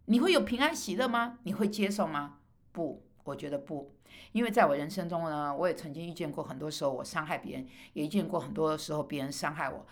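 A woman's voice: deep voice, lively intonation, fairly quick. A middle-aged woman preaching a personal sermon, emphatic and rising on rhetorical questions, with hesitant fillers as she tells her story.

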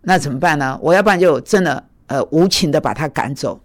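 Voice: medium pitch, brisk. A preacher giving a conversational sermon, telling a personal story with many fillers and English words mixed in.

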